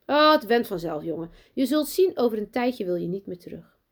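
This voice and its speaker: A gushing, flustered headmistress from a children's storybook, put on by a woman narrator. Her voice jumps high and bright, with a slight gravel underneath. She stammers when excited. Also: a little fast. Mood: welcoming. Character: flustered, eager female school head.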